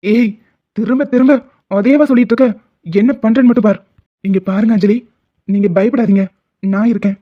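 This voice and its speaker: A woman's voice: fairly high pitch, fairly even intonation, a little fast, long pauses, natural voice. Woman as firm, protective male doctor, cartoon drama, tinny phone-like sound. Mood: firm reassuring. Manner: reassuring, firm. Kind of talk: cartoon voice acting.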